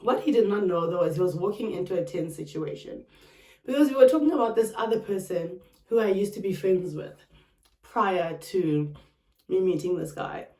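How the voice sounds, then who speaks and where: A young South African woman vlogger telling a personal story in a dramatic, expressive way, with sharp retorts. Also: lowish voice, moderate pace. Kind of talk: storytime chat. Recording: roomy, a bit distant from the mic.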